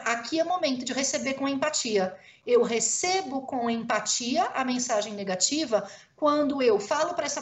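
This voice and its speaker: A woman's voice: fairly high pitch, echoey room. A Brazilian woman, a lawyer and teacher, gives a lecture in a didactic way and keeps checking in with her listeners. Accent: Brazilian Portuguese. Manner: didactic, often tags phrases with "né?".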